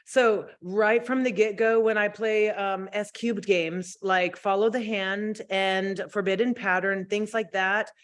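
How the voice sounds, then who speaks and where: A woman who teaches middle school choir, a guest on a video call, talking in an animated, playful way. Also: medium pitch, a little slow, few pauses. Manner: animated, playful, laughs often. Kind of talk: casual video-call chat.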